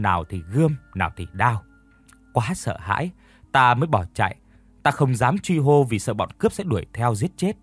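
A man voicing an older village woman, weary and grave, who tells the past in a slow, sighing way. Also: mid-range voice, a bit bright, no room sound.

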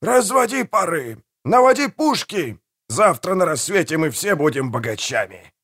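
Man doing a loud, greedy pirate mayor. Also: fairly high pitch, animated, normal speed, voice pushed up, close to an everyday voice. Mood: commanding. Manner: loud, barking orders.

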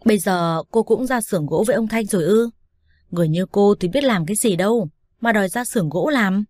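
A woman's voice: medium pitch, brisk, a little mellow, dry recording, clean studio sound, natural voice. A woman playing a quarrelsome older mother-in-law. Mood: scolding. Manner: scolding, whining.

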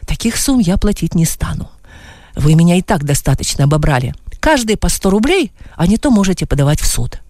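Flustered, stammering middle-aged suitor, read by a woman; lively pitch, dry close sound. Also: brisk, no room sound. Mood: pleading. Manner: stammering, pleading.

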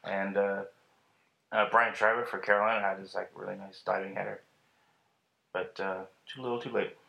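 A man co-hosting a casual soccer podcast, talking over recent games in a relaxed way with fillers. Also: deep voice, moderate pace, vocal fry, low-quality recording. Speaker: podcast co-host. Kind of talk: casual sports chat.

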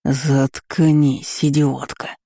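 A woman voicing a pompous, drunken middle-aged baron who speaks slowly and scornfully. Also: rumbling low, level tone, warm tone, no echo, clean studio sound, full character voice. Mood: angry. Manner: slow, scornful, clipped.

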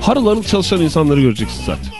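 A man co-hosting a morning radio show, chatting in an animated, joking way. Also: a little high, quick pace, over music. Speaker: radio host. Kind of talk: casual radio banter.

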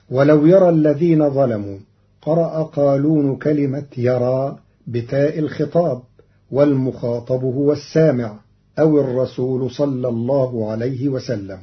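A man from Egypt, a Quran reading scholar, gives a formal, measured radio explanation and chants quoted verses slowly. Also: mid-range voice. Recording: dull lo-fi archival radio broadcast.

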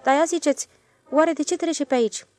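A woman's voice: high-pitched, darkish tone, dry recording, pitched above the performer's own voice, close to an everyday voice. A woman voicing a talkative, deferential male railway switchman in an audiobook, speaking eagerly. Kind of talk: audiobook character voice.

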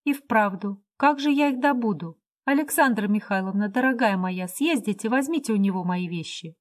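A woman reading the part of a proud, hot-tempered young woman who speaks in shrill, agitated outbursts. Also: normal speed, close to an everyday voice. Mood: pleading.

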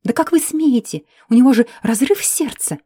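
A woman voicing a prim, indignant elf lady who talks in a shrill, huffy way. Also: expressive, moderate pace, warm tone, husky, no echo, clean studio sound.

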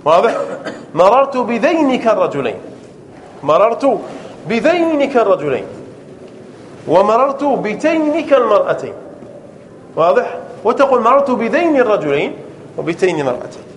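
A man's voice: high voice, sing-song, a little fast, slight background noise. A man teaching a grammar lesson to a class, explaining step by step and often checking whether the students understand.

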